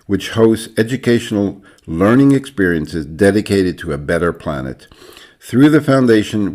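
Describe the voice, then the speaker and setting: A man hosting a webinar from a studio, reading a promotional opening and then introducing his guest, a little halting when he speaks off the script. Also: low-pitched, a little mellow. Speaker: podcast host.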